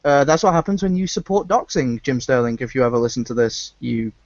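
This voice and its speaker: A man's voice: medium pitch, expressive, fairly quick, dry recording, lo-fi sound. A man hosting a podcast in loose, casual chat, swearing freely now and then. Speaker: podcast host.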